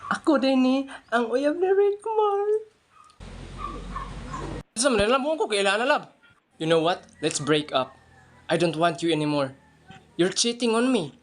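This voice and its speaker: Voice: medium pitch, lively intonation, brisk, slight background noise. Skit maker flipping between voices. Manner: switches between put-on voices. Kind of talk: one-person comedy skit, playing several parts.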